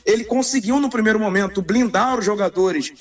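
A man phoning in as a sports reporter on speakerphone, giving a measured, informative report with the occasional filler. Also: high-pitched. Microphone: phone on speakerphone. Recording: distant speakerphone call.

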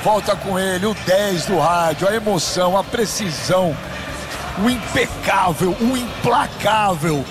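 Excitable high-voiced Brazilian sports host. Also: male voice, over music. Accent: Brazilian Portuguese. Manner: excitable, joking, rapid swings to shouting. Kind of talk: live sports broadcast banter. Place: broadcast booth at a stadium.

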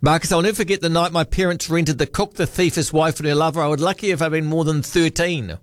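A man's voice: fairly high pitch, steady tone, fast talker, dry recording, clean studio sound. A man hosting a late-night talkback radio show, chatting and bantering with callers. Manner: chatty, warm-hearted banter, restarts. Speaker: radio host. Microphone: studio microphone.

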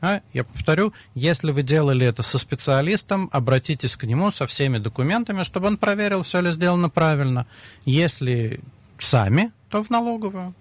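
Measured advisor man answering callers. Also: on the high side, expressive, dry recording. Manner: measured, explanatory, dry humor. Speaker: financial advisor. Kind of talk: radio advice answering callers.

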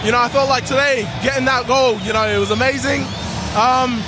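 A young man, a football player, giving an excited post-match interview outdoors, halting with fillers. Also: extremely high pitch, background noise. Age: young adult. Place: outdoors at a stadium. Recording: archive clip with loud crowd.

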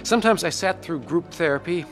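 A man with a fairly high, natural voice speaks briskly as narrator and lead actor, with music in the background. He plays a troubled war veteran and addict giving dramatized first-person testimony. The telling is earnest, conversational, reflective, and regretful.

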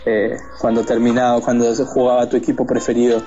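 A man's voice: mid-range voice, completely flat delivery, a little fast, mellow, muffled recording, faint music behind. A man from Argentina with an Argentine accent, a guest talking casually in an interview, hesitant with many fillers and restarts. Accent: Argentine Spanish.

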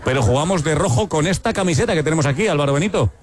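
A man hosting a late-night sports radio show, talking quickly and joking with his guests. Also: fairly high pitch, expressive, a little hiss or hum. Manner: quick, joking, laughs often.

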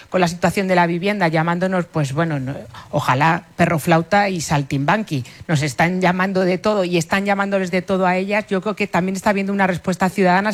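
A woman giving spoken commentary as a panellist on a radio talk show. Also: on the low side.

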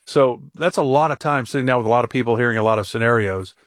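A male radio host chatting on air at a middle pitch, his voice upbeat as he fires off quick questions. The sound is dry and close, with no room around it. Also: no echo. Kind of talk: radio talk show chat.

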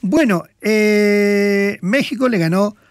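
A man with a high, smooth voice speaks at a slow pace, co-hosting a casual radio sports chat. He rambles through match results with plenty of fillers and hesitations. The studio-quality recording has no echo.

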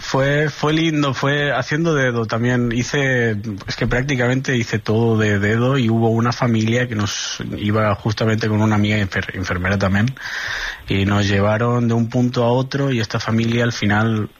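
A man from Barcelona, a guest on a radio show, telling travel stories in a relaxed way. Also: mid-range voice, moderate pace. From Barcelona, Spain. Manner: relaxed storytelling with restarts. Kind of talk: casual radio interview.

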